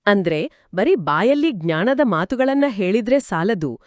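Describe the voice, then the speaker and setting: A woman co-hosting a spiritual discussion podcast, explaining each point calmly from a script. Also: mid-range voice, measured pace, dry recording, clean studio sound. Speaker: podcast co-host.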